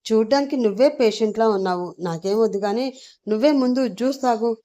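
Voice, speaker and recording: Young guy anu in a storybook reading, kinda plain, mellow low-key voice, a lady reading him. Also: fairly quick, natural voice. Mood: calm. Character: young man, reserved, then hungover and angry.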